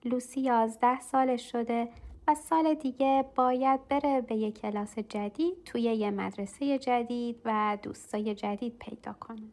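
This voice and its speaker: A woman narrating a scripted children's story in a gentle, clear manner. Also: fairly high pitch, steady tone.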